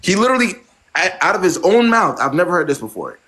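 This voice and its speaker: A blunt, profane man hosts a live stream, lecturing viewers with dating advice in a preachy, repetitive way. His voice is high-pitched and sharp, swinging widely in pitch as he talks fast. The recording quality is low.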